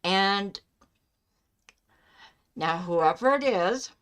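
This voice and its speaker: Slow-paced woman hosting a casual live stream. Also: mid-range voice, lively intonation, fairly bright tone, clear, resonant tone. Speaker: live stream host giving psychic love readings.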